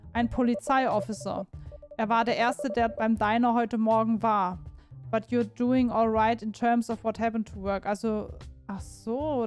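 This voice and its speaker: A woman's voice: a little high, a little mellow. A woman hosting a let's play, reading game dialogue aloud and translating it on the fly with restarts and side comments.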